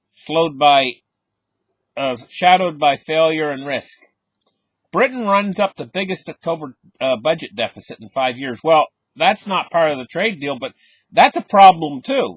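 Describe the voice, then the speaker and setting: A man's voice: a little high, a bit bright, husky, no echo. A man giving casual market commentary, reading out headlines and stressing words with a skeptical, offhand manner. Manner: casual grammar, frequent fillers.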